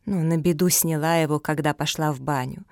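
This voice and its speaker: Woman as a gentle, calm storybook elder. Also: sits low, a little fast, gravelly, no echo, clean studio sound. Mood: rueful.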